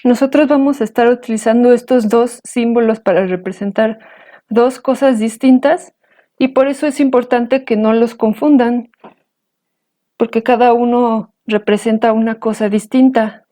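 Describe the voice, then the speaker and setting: A woman teaching a language lesson, explaining slowly and carefully, pronouncing example words. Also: a little high, steady tone, mellow. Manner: slow, careful, patient explanation.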